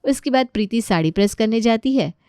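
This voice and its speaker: A woman narrating a cartoon family story in a plain, even way. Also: on the high side, brisk, smooth, no echo, clean studio sound.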